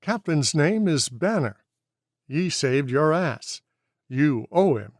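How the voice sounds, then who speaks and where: A man voicing Jace, a brisk young airship pilot. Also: a little high, lively intonation, no echo, clean studio sound. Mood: eager. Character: young male airship pilot, eager and friendly.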